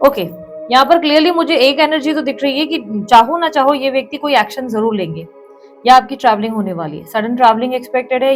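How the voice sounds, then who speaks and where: A woman tarot reader who speaks straight to the viewer, repeats her points for emphasis and calls on the universe between cards. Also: on the high side. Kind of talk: tarot reading to camera.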